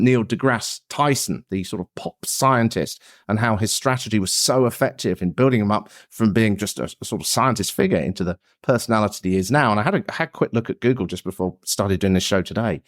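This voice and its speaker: A man's voice: lowish voice, no room sound, clean studio sound. A man hosting a public relations podcast, moving from a scripted intro into chatty talk with fillers. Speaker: podcast host. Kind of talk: scripted podcast intro then casual chat.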